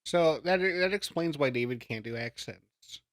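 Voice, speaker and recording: A man's voice: a little high, expressive, unhurried, no room sound. A man co-hosting a podcast, chatting casually and bantering with friends. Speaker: podcast co-host.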